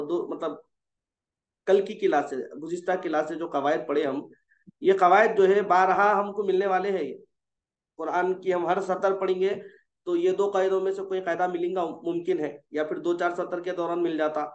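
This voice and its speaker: A man's voice: sits high, reverberant, muffled recording. A man teaching a Quran recitation class. He poses questions to the class, answers them himself and repeats the key points. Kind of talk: classroom lesson.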